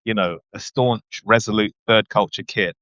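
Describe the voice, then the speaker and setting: A man, a guest speaking thoughtfully in a casual interview, often pausing and restarting. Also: lowish voice, a bit bright, no room sound. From London, England. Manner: reflective, hesitant with many restarts and ums. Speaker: guest, running writer. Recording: dull, dry lo-fi audio.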